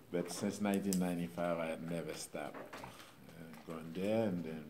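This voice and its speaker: A middle-aged Haitian pastor with a Haitian accent, speaking informally to a church group in a halting way, with many pauses and fillers. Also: male voice, sits low, noisy background.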